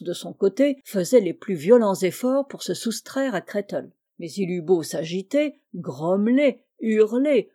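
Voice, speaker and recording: Female audiobook narrator, middle pitch, warm and mellow, measured storytelling. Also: husky. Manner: measured, expressive reading. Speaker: audiobook reader. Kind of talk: read-aloud storytelling.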